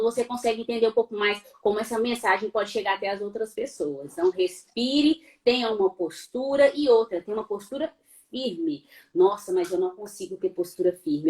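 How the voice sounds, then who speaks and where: A middle-aged woman with a Brazilian Portuguese accent, a law professor giving advice in a live online talk, posing rhetorical questions and playfully imitating sounds. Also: a little high.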